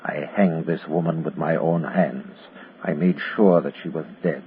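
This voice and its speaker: An actor playing a shaken Nazi captain and executioner in a 1940s radio drama, haunted and repeating himself as if giving a report. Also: male voice, extremely low pitch, fairly even intonation. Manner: haunted, halting, repetitive first-person report. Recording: scratchy, muffled 1940s radio broadcast.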